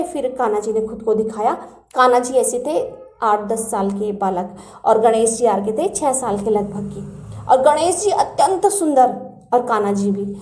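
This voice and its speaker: Woman, high mellow voice, earnest devotional storyteller, echoey room. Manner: earnest and animated, acts out quoted words. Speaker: devotee sharing spiritual experiences. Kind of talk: personal storytelling.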